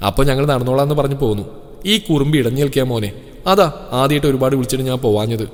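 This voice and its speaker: A man voicing a kindly elder-sister woman who chats softly and chides gently. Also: mid-range voice, fast talker, natural voice. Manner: soft, motherly, chatty. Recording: long reverb with soft music.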